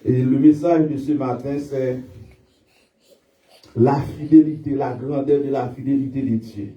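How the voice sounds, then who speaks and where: A man preaching a sermon in church, calling out to his congregation for responses and reading scripture slowly and emphatically. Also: medium pitch, steady tone, warm tone. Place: church sanctuary. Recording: echoey hall, distant dull mic.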